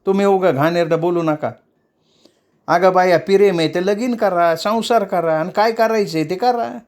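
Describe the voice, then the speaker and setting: A man's voice: high-pitched, moderate pace, a little mellow, pitched above the performer's own voice. A man voicing an older mother who runs a tamasha troupe, scolding bluntly in rural dialect.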